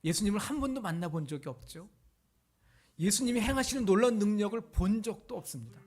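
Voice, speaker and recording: A man's voice: high voice, expressive, fast, a little mellow, breathy edge. A man pastor preaching a sermon, retelling a story with dramatic acted-out cries.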